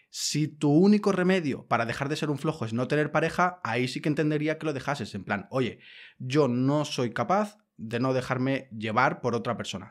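Guy from ranting on his podcast, blunt, swears a lot, pushy and emphatic. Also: mid-range voice. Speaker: podcast host. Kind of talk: casual monologue.

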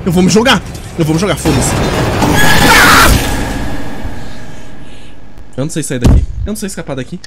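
A man's voice: on the high side, expressive, racing, over loud music. A young man commentating a horror game, swearing constantly and sounding exasperated and shaken. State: sweaty and shaken. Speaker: gamer.

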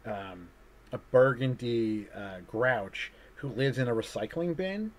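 A man's voice: lowish voice, sing-song, measured pace. A man, an artist, chatting casually over a video call, rambling and hesitant with lots of fillers and restarts. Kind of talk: casual conversation.

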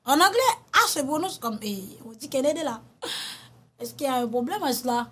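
Animated Haitian woman commentator, high voice. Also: fairly quick, husky. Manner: animated, addresses listeners as brothers and sisters. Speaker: online commentator. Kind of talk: casual commentary.

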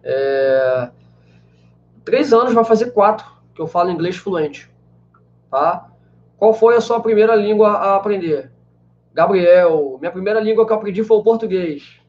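A man in his twenties, a language teacher from Brazil, answers live-stream questions in a high, expressive voice at a slightly slow pace. He is chatty and full of fillers like "né" and "cara," sitting in a small room with a banner behind, recorded with slightly dull lo-fi webcam sound.

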